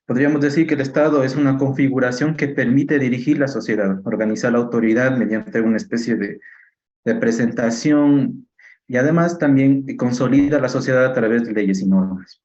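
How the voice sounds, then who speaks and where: A man's voice: medium pitch, darkish tone. Hedging male student on a roomy call. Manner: measured, hedging, many fillers. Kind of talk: answering in class. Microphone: video call. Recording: roomy, dull video call audio.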